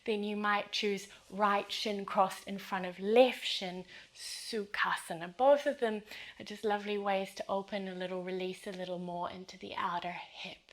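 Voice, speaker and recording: A woman leading a yoga flow as instructor, giving breath cues in a steady, measured, gentle cadence. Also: mid-range voice, rough recording.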